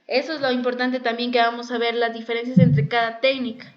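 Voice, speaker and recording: A woman leads a makeup class, walking students through each step and circling back to repeat herself. Her voice sits high and stays fairly level. The sound is dull and lo-fi. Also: level tone, fairly quick. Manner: explanatory, repeats herself often. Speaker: makeup instructor.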